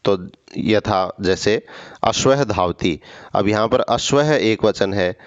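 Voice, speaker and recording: A man's voice: on the low side, takes it slowly, dry recording, muffled recording. A man teaching a school lesson, reading each line and then explaining it patiently, step by step.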